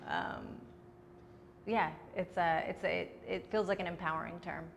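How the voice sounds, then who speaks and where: A woman's voice: lowish voice, normal speed, gravelly, big-room sound, slight background noise. A young adult woman, a comedian, giving candid, chatty answers in a casual interview.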